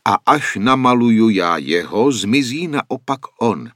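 A man's voice: medium pitch, animated, a bit bright, dry recording, clean studio sound, pitched above the performer's own voice, lightly acted. A man voicing an old wandering painter who explains in an earnest, solemn way. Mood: grave. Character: old wandering male painter, grave and worried.

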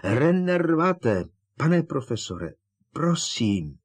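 Male reader playing a desperate teen boy wizard for an audiobook: raised, husky, urgent pleading. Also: a little high, sing-song, pitched above the performer's own voice. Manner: urgent, begging, raised and strained. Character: desperate teenage boy wizard, frantic and coaxing.

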